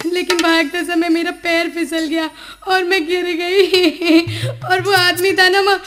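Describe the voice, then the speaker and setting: Nasty scheming young sister-in-law, super high, snarly threats. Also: female voice, flat delivery, slow, a bit bright, faint music behind, heavily acted. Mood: fake tearful. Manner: snarling threats, fake tearful whining. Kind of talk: rural Hindi film acting.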